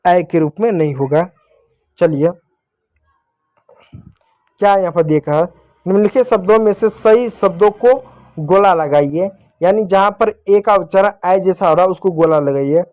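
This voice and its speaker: A man's voice: high-pitched, normal speed, pauses often, a little mellow, no echo. A man with a Hindi accent teaching young children a phonics lesson, patient and repetitive, asking questions and answering them himself. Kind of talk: classroom lesson.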